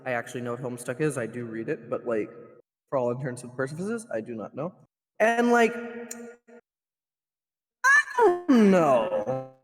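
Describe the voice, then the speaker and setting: A man's voice: medium pitch, sing-song, moderate pace, long pauses, a bit bright. A man using a cathedral reverb voice mod while playing a stern mock prosecutor in an improvised trial roleplay. He stammers and repeats words as he scolds.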